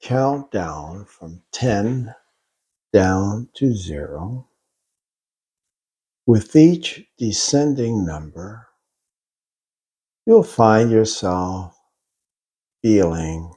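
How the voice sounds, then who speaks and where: Male hypnotist, very low husky voice, slow soothing trance induction. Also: lively intonation, dark tone. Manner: slow, soothing, drawn-out phrasing. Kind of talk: guided hypnosis script.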